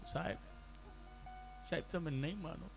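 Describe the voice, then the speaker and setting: A man's voice: high-pitched, expressive, a little slow, over music. A man voicing a weary middle-aged patient who pleads his troubles to a doctor in a choked-up voice. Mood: tearful complaint.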